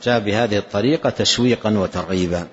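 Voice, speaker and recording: A man's voice: lowish voice, fast. An older man with a Saudi accent giving an Islamic religious lesson, explaining a text and often repeating his key phrases for emphasis. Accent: Saudi Arabian. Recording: dull lo-fi lecture recording.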